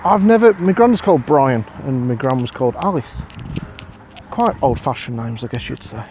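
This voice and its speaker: A man's voice: medium pitch, expressive, moderate pace, a little mellow, lo-fi sound, slight background noise. An English man in his thirties rambling bluntly and swearing while walking outdoors past fields, filming himself on a phone. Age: 30s. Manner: sweary, blunt, ranting with sarcastic put-on voices. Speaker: vlogger. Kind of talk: casual rambling vlog.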